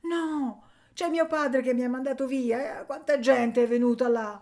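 A woman's voice: high voice, fairly even intonation, normal speed, darkish tone, pitched above the performer's own voice. A woman reading a novel aloud, voicing a bold, cheeky village boy who turns brash and wheedling. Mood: insistent.

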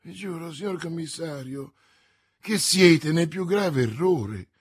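A man voicing a frantic, whining middle-aged male prisoner with a husky voice who pleads in panic. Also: normal speed, a little mellow, no echo, studio quality. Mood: pleading. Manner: pleading, panicky, shrill outbursts.

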